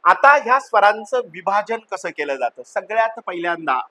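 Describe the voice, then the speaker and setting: A man's voice: high voice, very animated, normal speed, bright, forceful tone. A man teaching a grammar lesson like a classroom teacher, chanting the letters one by one and asking questions he answers himself. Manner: chanting the vowels one by one, addressing students as children.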